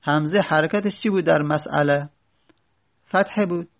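A man's voice: a little high, vocal fry. Man patiently teaching a grammar text. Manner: reads Arabic lines then explains them step by step, asks and answers his own questions. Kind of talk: explaining an Arabic grammar text.

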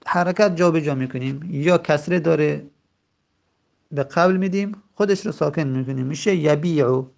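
A man teaching a grammar lesson. He says the example words slowly and drawn out, then explains quickly. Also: on the high side, gravelly.

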